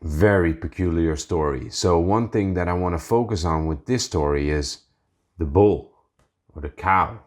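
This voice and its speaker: A male host giving measured, explanatory commentary on video clips. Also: sits low.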